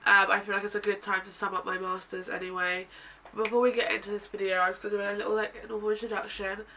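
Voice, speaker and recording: A British woman in her twenties vlogs from a seated position, rambling and chatty and often correcting herself, her voice nasal and stuffed up. She talks fast at a medium pitch with a flat delivery that sounds pushed and bright. The distant mic picks up faint room ambience and a little hiss or hum.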